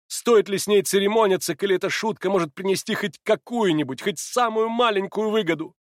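Brief: man reading as a proud young woman, bitter and reproachful, fairly high voice, dry close sound. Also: brisk, dry recording, lightly acted. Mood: indignant. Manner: impassioned, reproachful. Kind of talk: audiobook reading.

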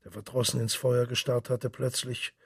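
Male radio narrator, very raspy, gravelly, measured, dry sound. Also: medium pitch, flat delivery, no room sound. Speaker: narrator and reader. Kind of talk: literary reading for radio. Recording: dry close studio sound.

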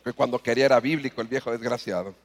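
A man with a Mexican accent telling a comic story on stage as a motivational speaker, animated and acting out the voices. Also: medium pitch, rapid-fire. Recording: long reverb in a hall.

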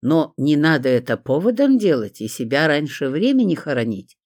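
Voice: medium pitch, sing-song, moderate pace, a little mellow, dry recording. Reader putting on a bossy older guy, a smoker, teasing and barking orders, lots of swing in the voice. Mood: gruff teasing. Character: gruff joking older male boss, smoker.

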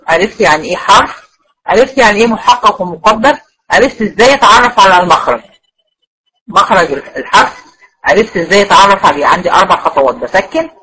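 Husky Egyptian woman teaching recitation. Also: mid-range voice, a bit bright, low-quality recording. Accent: Egyptian Arabic. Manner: explains step by step, often checks in with students. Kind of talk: tajweed lecture to women students.

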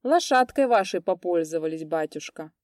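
A spiteful peasant horse thief in a storybook, speaking in a husky, clipped, sneering way, as a woman reads him. His voice sits low and mellow with a dry, close sound. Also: lively intonation, moderate pace, dry recording. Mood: mocking. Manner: husky, curt and mocking.

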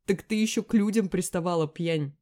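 A woman reading an audiobook, voicing a sharp-tongued young woman friend who scolds and mocks loudly. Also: lowish voice, fairly quick, lightly acted. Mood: scolding. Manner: loud, scolding, sarcastic. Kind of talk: audiobook character voice.

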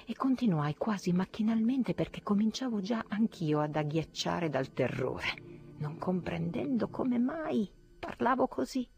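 A woman narrating a literary audiobook in a slow, hushed, dramatic way. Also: medium pitch, sing-song, vocal fry, dull audio, faint music behind. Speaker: audiobook reader.

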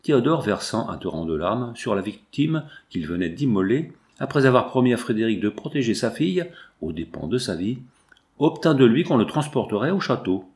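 Man, audiobook narrator, measured formal reading, medium pitch. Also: big pitch swings, darkish tone. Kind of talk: classic novel reading.

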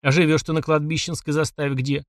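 A man's voice: a little high, level tone, fast talker, dry recording, clean studio sound, lightly acted. A man reading an audiobook and voicing a sly, chatty driver in his thirties who teases and questions. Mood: probing. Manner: chatty, teasing, probing.

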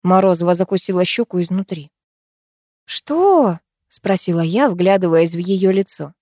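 A woman narrating a novel in the first person, reading with an animated, expressive delivery. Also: on the low side, fairly quick, dry recording, studio quality. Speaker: audiobook narrator.

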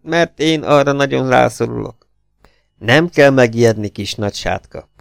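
A man voicing a burly, bearded sailor who is boastful and rough-mannered in an audiobook reading. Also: medium pitch, dry recording, studio quality, natural voice. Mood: swaggering. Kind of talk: audiobook character voice.

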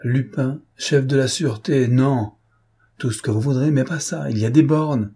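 A man's voice: medium pitch, normal speed, mellow, slightly rough. A man reading the part of a smug, pompous examining magistrate in an audiobook, condescending and sure of himself.

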